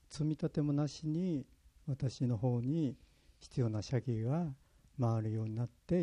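With a warm tone and a medium pitch, this man delivers a sermon. He's a pastor from Kyushu in Japan, and he preaches earnestly, sharing personal stories along the way.

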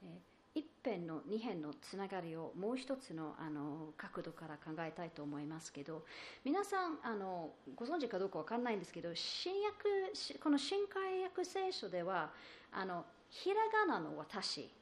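A woman's voice: lowish voice, very animated, moderate pace, slight background noise. A woman preaching a sermon, explaining patiently and asking the listeners questions, with many fillers and restarts. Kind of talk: sermon on a psalm.

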